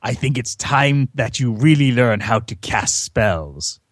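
A man voicing a scheming woman game master who speaks in slow, honeyed tones. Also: medium pitch, animated, no echo, studio quality.

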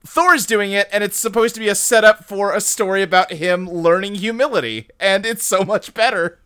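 Bright, clear-voiced man chatting. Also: sits high, normal speed. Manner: animated, rambling with lots of "like". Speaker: podcast co-host. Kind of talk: casual movie discussion.

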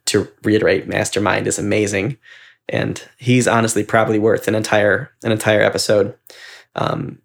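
A man with a lowish, creaky voice co-hosts a podcast and also makes ads. His talk is casual and reflective, delivered in an effusive, wordy, earnest manner.

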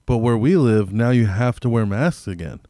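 A man with a warm, mid-range voice chats casually at normal speed as a podcast co-host, with no echo. His talk is slangy, profane and rambling, stacking up one hypothetical example after another in loose banter.

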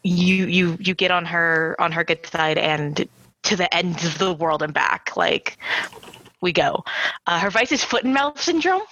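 A woman's voice: on the low side, animated, unhurried, fairly bright tone, no room sound, highs cut off. A woman playing in a tabletop game, explaining her character in a rambling way with restarts. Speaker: player. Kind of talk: casual tabletop game chat.

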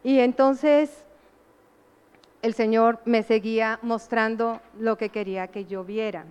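A woman's voice: on the high side, steady tone, slow pace, darkish tone, clear, resonant tone, in a large hall, lo-fi sound. A woman preaching a sermon, earnestly asking the congregation rhetorical questions.

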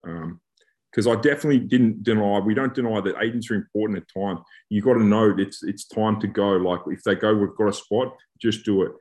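A man with a slightly low voice co-hosts a casual podcast. He talks like one of the lads, joking and throwing in slang as he goes. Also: a little fast, darkish tone. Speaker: podcast co-host, rugby player turned coach.

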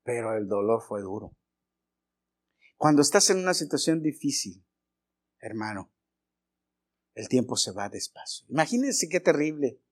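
A man's voice: medium pitch, big pitch swings, a little slow, long pauses. A male pastor giving a storytelling sermon, addressing the congregation as brothers and growing emphatic as he preaches. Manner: personal anecdote, addresses congregation as brothers, grows forceful and emphatic.

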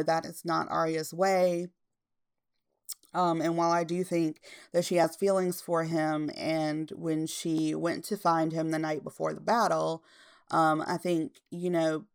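Woman, low smooth voice, casual recap host who retells scenes loosely with fillers. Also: a little mellow. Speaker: TV episode recapper.

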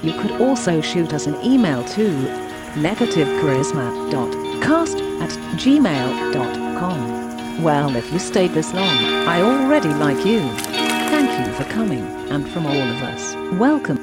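A woman's voice: sits low, very animated, unhurried, loud music behind the voice. A synthetic female robot voice reading a scripted podcast intro in a chirpy way. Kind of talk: scripted text-to-speech intro.

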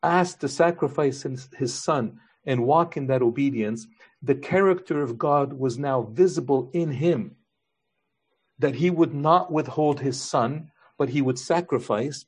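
A man's voice: mid-range voice, a little slow, husky. A man preaching a sermon as pastor, earnest, building his points with repeated rhetorical questions.

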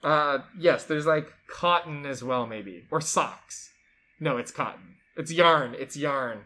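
Explaining a board game's rules in casual chat, this co-host of a board game show sounds enthusiastic and chatty, tossing in lots of fillers like "like." The voice is mid-pitched, bright, and forceful, delivered at a slow pace.

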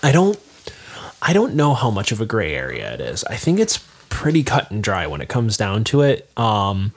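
A man's voice: lowish voice, huge pitch swings, moderate pace, husky. A man hosting a casual podcast chat, a musician who states his views emphatically and at length.

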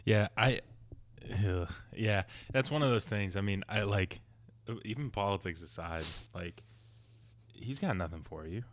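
A man's voice: on the low side, unhurried, no echo. A man hosting a casual podcast, laid-back and joking dryly. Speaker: podcast host. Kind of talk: casual chat.

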